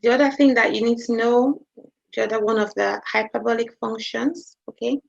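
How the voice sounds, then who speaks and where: Unhurried woman teacher with a creaky voice who keeps asking "okay?", teaching maths online over muffled audio. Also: fairly high pitch, fairly even intonation. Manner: hesitant, checks in with "okay?" often.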